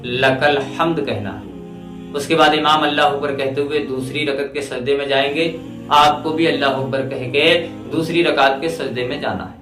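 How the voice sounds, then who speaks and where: A man giving religious instruction, explaining slowly and deliberately and reciting Arabic phrases. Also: on the high side. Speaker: Islamic teacher. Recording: echoey room with faint music.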